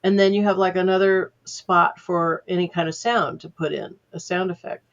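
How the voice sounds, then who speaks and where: A woman's voice: lowish voice, steady tone, moderate pace, lo-fi sound. An older woman, a sound editor as podcast guest, telling anecdotes in a chatty way full of fillers. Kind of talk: casual interview storytelling.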